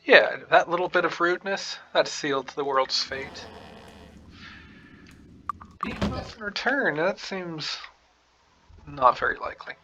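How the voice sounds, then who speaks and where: Wry male gamer with very bright voice. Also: fairly high pitch, expressive, a little slow, pauses often, dull audio, a little hiss or hum. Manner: wry, musing aloud. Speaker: gamer narrating a playthrough. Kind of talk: casual game commentary.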